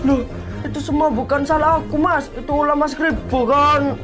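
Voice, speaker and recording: A man putting on a high, whiny captive boy. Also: steady tone, moderate pace, over music. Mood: pleading. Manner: pleading and whiny. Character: hungry, frightened young man held captive. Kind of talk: comedy sketch acting.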